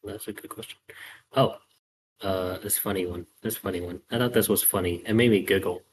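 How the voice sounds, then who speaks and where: A man in relaxed casual chat who reads out listener questions. His voice is low and husky. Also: fairly quick. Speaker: podcast co-host reading questions.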